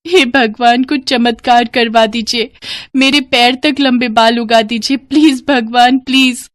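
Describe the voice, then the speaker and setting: A woman voicing a tearful little girl in a cartoon story, high and whimpering. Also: fairly even intonation, normal speed, fairly bright tone, no echo. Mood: praying.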